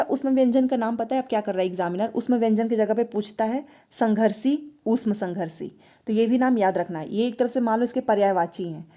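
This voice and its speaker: Mellow-voiced woman teaching a grammar class. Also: on the high side. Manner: explains step by step, asks and answers own questions; has students repeat sounds aloud. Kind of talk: online exam-prep lesson.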